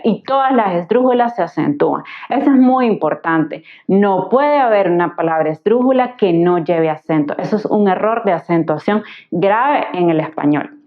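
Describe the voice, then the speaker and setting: Patient woman tutor, slightly muffled. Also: mid-range voice. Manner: patient, spells words out slowly syllable by syllable. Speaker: Spanish tutor. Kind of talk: explanatory grammar lesson. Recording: slightly dull lo-fi recording.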